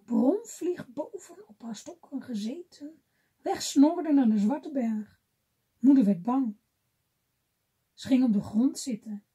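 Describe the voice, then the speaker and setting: Woman reading a fairy tale aloud, very breathy, slow, mellow, often whispery. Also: fairly high pitch. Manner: gentle, dropping to a whisper. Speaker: storybook reader.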